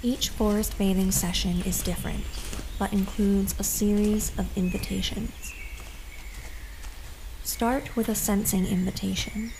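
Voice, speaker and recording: A woman host narrating a scripted guided meditation in a calm, gentle, soothing and unhurried manner. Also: mid-range voice, a little hiss or hum, low-quality recording. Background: background music.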